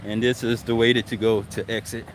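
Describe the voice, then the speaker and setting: A man vlogging outdoors with his voice muffled by a face mask, chatting in a relaxed, rambling way and often correcting himself. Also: medium pitch, brisk, a little hiss or hum. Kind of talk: casual walking vlog chat. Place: outdoors on city streets and in a park.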